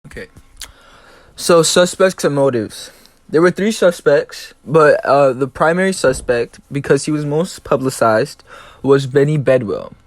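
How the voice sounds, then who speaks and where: A man's voice: a little high, a little slow, no room sound. Young man, dry-room, list-like delivery. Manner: matter-of-fact, list-like delivery. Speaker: student co-presenter. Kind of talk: reading prepared notes.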